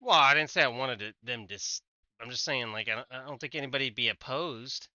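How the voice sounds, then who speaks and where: A man's voice: mid-range voice, brisk, pushed and bright, no echo, highs cut off. A man streaming a game, chatting casually with a teammate, swearing often and trailing off mid-sentence. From United States. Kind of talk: casual gaming chat.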